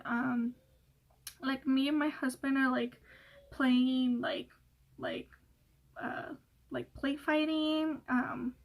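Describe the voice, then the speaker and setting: A woman's voice: high voice, gravelly. A young woman vlogger chatting casually through a Q&A, rambling with many fillers and laughing often. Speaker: beauty vlogger. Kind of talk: casual Q&A chat.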